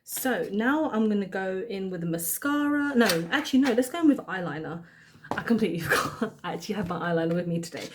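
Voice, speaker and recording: A woman's voice: mid-range voice, lively intonation, fast, background noise. A young woman chatting casually as she applies her makeup, thinking aloud and correcting herself as she goes. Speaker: beauty vlogger. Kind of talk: casual makeup tutorial chat.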